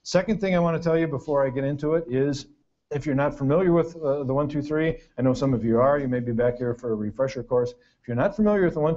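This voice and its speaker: An older man with a medium-pitched, dark voice gives a humorous parenting lecture to an audience, delivering dry stories and punchy lists. He speaks as a parenting workshop presenter, captured on a dull lo-fi recording of the talk.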